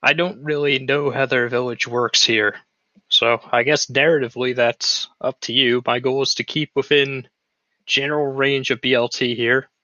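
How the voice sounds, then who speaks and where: A man's voice: medium pitch, sharp tone, no echo. A man playing a tabletop game, thoughtfully explaining his plans in detail. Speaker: player. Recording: dry, slightly muffled mic.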